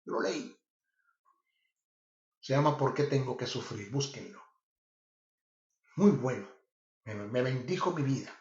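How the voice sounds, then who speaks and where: A man's voice: medium pitch, animated, a little slow, pauses often, a little mellow. A male preacher giving a sermon, emphatic and often repeating himself. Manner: emphatic and repetitive. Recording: roomy, slightly dull recording.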